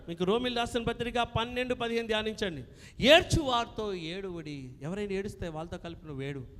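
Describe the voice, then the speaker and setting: Pastor guy preaching hard, very high voice, big hall reverb. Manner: impassioned, rising to loud peaks, calls for amens. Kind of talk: sermon.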